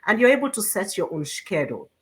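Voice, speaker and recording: A woman's voice: medium pitch, very animated, fast, fairly bright tone. A woman hosting a casual interview, talking in an encouraging, conversational way. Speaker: host.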